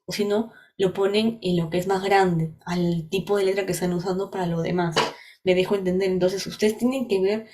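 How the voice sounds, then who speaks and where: A woman's voice: mid-range voice, steady tone, fairly quick, noisy background. A young adult woman with a Peruvian Spanish accent, leading a workshop lecture. She explains step by step and often checks that listeners are following. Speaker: workshop instructor.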